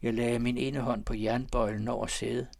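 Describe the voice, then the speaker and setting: A man reading the part of a lovesick, restless nobleman who confesses in a low, brooding way. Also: flat delivery, gravelly, darkish tone, no echo.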